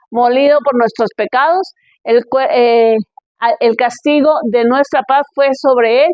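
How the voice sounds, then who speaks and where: Woman preaching, high voice, reads bible verses, keeps asking "ok?", dull dry recording. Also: a little mellow, dry recording. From Colombia.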